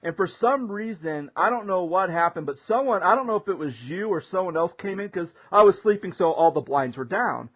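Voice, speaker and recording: A man hosting a podcast, telling stories in a lively, casual way and often laughing. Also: high voice, fairly quick, hardly any pauses, highs cut off. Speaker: podcast host. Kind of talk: casual storytelling chat.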